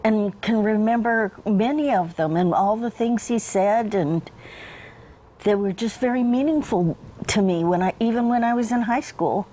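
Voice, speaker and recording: An older woman chats as a studio guest, her voice mellow and dark. She talks in a reminiscing way, pausing on ums and uhs as she goes. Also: medium pitch, a little hiss or hum. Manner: warm reminiscing, halting with fillers. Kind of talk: casual interview chat. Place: dark television studio, indoors.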